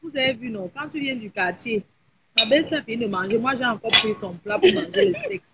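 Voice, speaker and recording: A woman's voice: a little high, big pitch swings, brisk. A woman hosting a live video call, chatty and laughing, dropping English words into casual talk. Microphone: phone on a video call. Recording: slightly muffled with faint noise.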